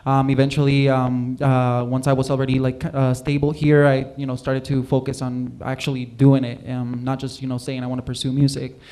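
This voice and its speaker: Mellow-voiced young man, casual and rambling. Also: medium pitch, fairly quick, hardly any pauses, clear, resonant tone. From Puerto Rico. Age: young adult. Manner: relaxed, rambling with many fillers. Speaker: singer, interview guest. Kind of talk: casual livestream interview.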